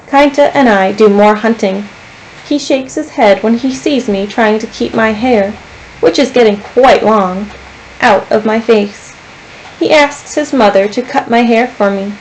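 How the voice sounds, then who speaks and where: A woman, a teacher, reading a novel aloud to her class in a steady storytelling voice. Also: fairly high pitch, unhurried, slight background noise, low-quality recording.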